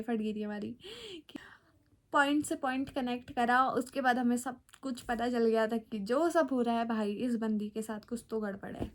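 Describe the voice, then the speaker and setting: A woman's voice: fairly high pitch, a little mellow. A young woman, casually telling a dramatic personal story with many fillers. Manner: chatty, dramatic retelling with fillers.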